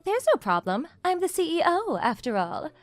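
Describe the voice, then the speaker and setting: Her voice is very high-pitched and very animated, moving at a moderate pace with faint music in the background. A young woman voices a confident, pushy female CEO teasing her junior in a manga dub romance, sounding straightforward, teasing and self-assured.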